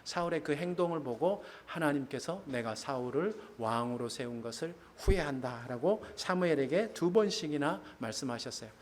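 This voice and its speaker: Guy pastor giving a sermon in church, kinda high voice, keeps asking the folks stuff. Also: lively intonation, normal speed, few pauses, slight background noise. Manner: addresses congregation with questions, laughs.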